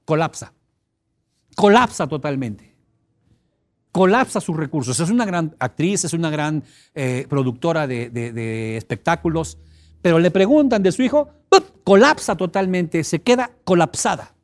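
Speaking in a voice on the high side, a middle-aged personal development speaker gives an expressive teleseminar. He repeats himself for emphasis and breaks out in sudden loud cries to illustrate his points.

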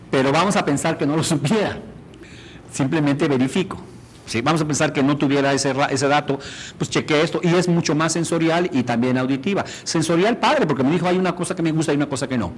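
A man's voice: fairly high pitch, slight background noise, poor audio. A man teaching a workshop on rapport, demonstrating and often asking the audience questions. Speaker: instructor.

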